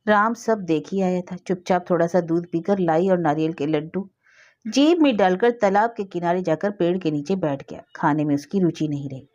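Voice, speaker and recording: A woman's voice: on the low side, normal speed, a little mellow, dull audio. A woman telling a classic story as narrator, reading expressively.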